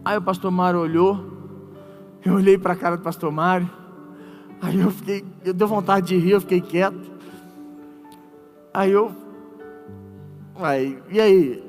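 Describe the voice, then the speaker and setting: A man's voice: high voice, normal speed, long pauses, in a large hall, faint music behind. A man pastor preaching a sermon, telling a story with jokes and questions to the congregation. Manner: lively, joking, talks to the congregation. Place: church.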